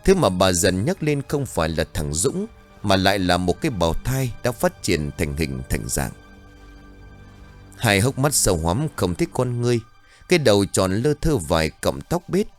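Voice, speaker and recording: Male horror narrator: low register, animated, dramatic delivery. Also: normal speed, faint music behind. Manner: dramatic, suspenseful reading. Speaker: storyteller. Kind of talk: narrated ghost story.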